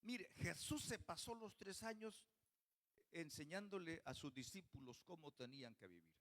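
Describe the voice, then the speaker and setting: A high, bright male voice delivers a church sermon. He keeps questioning the congregation as he preaches. His tone is sharp and forward. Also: lively intonation, normal speed. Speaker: pastor.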